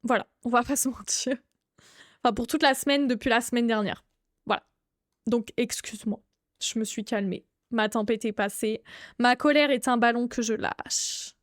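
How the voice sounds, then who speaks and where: A young woman with a high voice chats casually on a live stream, greeting viewers one by one. She often breaks into excited, louder outbursts before calming down again. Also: normal speed, no room sound, clean studio sound.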